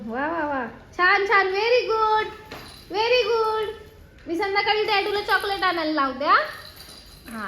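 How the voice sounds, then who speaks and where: High, bright-voiced young mother scolding. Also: a little hiss or hum. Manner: coaxing baby talk turning to loud scolding. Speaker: mother and family vlogger. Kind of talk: casual home vlog, talking to her small children.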